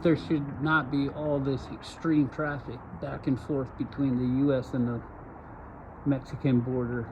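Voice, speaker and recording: Loud outdoor noise fills this lo-fi roadside recording. A male vlogger from Arizona talks at a measured pace in a medium-pitched voice with little pitch movement, yet his message comes across as urgent, repetitive and emphatic.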